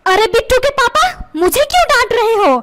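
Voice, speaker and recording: A woman's voice: very high-pitched, sing-song, normal speed, heavy background noise. A woman voicing a feisty cartoon mother. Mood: defensive. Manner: bickering, taunting. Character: sharp-tongued feisty mother. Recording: loud background music.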